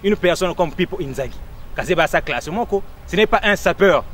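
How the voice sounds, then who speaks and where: A man's voice: sits high, lively intonation, fairly quick, fairly bright tone, a little hiss or hum. A man, lecturing proudly in street banter outdoors in a city street. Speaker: sapeur.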